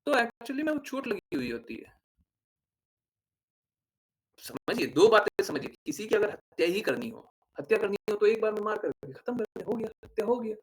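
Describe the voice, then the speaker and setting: A man's voice: high-pitched, big pitch swings, moderate pace, rough recording. A man giving a devotional discourse as a spiritual teacher, explaining with everyday examples, asking rhetorical questions and checking in with his listeners.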